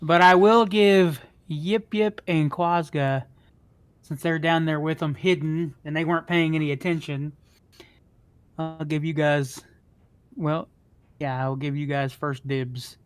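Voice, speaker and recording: A man's voice: on the high side, steady tone, unhurried, clear, resonant tone. A man working as game master, narrating a tabletop game in a casual, amused, improvised way.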